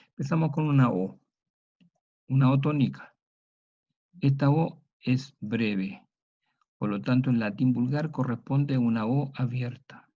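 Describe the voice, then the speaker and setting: Gravelly-voiced man lecturing. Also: medium pitch, dark tone. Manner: slow, methodical, spells out sounds and examples. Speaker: teacher. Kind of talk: historical grammar lecture. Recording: dull lo-fi recording.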